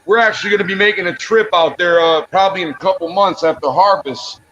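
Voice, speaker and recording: A man's voice: sits high, fast, sharp tone, muffled recording, slight background noise. A man from the Midwest with an accent that sounds East Coast, chatting casually as a guest on a stream, easygoing and given to repeating himself. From Midwest US, Minnesota. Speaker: guest caller. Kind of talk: casual chat on a live stream.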